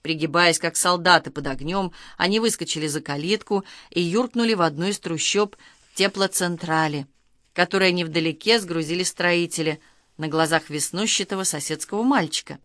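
Lively low-voiced woman reading a story. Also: moderate pace, dry recording, studio quality. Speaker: narrator. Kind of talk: audiobook reading of a children's story.

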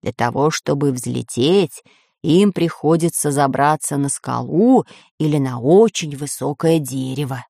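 A woman voicing a calm, learned older male professor who explains things in a slow, lecturing way. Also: sits low, creaky, dry recording, studio quality, pitched below the performer's own voice, heavily acted.

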